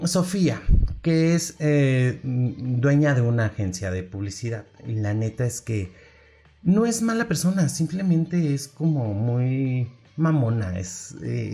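A young Mexican man casually telling stories about bad bosses, animated, with mocking high voices for the bosses. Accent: Mexican Spanish. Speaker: social media manager. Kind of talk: casual storytelling rant.

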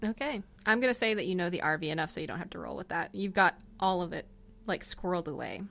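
A woman's voice: on the low side, expressive, fast, creaky, a bit bright. A woman running a tabletop role-playing game, describing scenes in a chatty, meandering way with many fillers. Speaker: game master.

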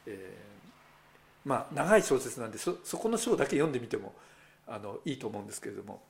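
Male pastor with a mid-pitched voice, preaching in a conversational sermon style with asides to the listeners. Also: very animated, a little fast, vocal fry. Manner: conversational, with rhetorical asides to the congregation.

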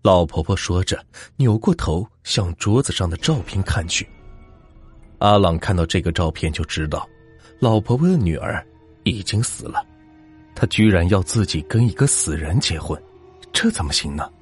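A man's voice: low-pitched, expressive, normal speed, husky, soft background music. A man narrating a ghost story in a dramatic, suspenseful way.

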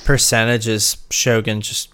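A man's voice: lowish voice, flat delivery, slow pace, background noise. A man hosting a casual podcast about fights, easygoing and agreeable as he steers the talk along. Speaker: podcast host. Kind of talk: casual sports chat.

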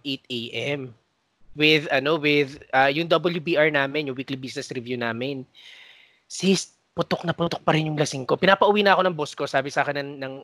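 A woman's voice: deep voice, a bit bright, no echo. A Filipino woman co-hosting a podcast, recalling old work stories in casual chat, laughing often and mimicking coworkers. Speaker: podcast co-host.

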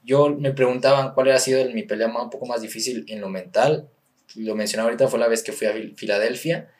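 A young man with a Mexican accent, a boxer being interviewed, talking in a relaxed, rambling way with many fillers. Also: mid-range voice, fast talker. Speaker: guest, professional boxer. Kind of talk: casual interview chat.

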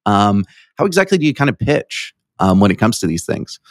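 A man with a lowish voice hosts a casual interview. He asks in an informal, curious and slightly self-deprecating way, recorded dry with little room sound. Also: sing-song, a little fast, no room sound. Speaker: interviewer, podcast host.

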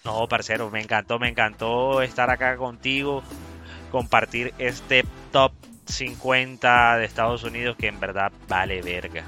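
A man's voice: medium pitch, flat delivery, moderate pace, bright, forceful tone. A man with a Colombian Caribbean accent hosting a casual music podcast, talking in a slangy, profane, emphatic way. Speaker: podcast host.

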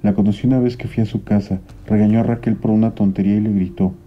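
A man, reading a children's story aloud in an expressive, animated way. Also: lowish voice, quick pace. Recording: dull lo-fi sound with faint music.

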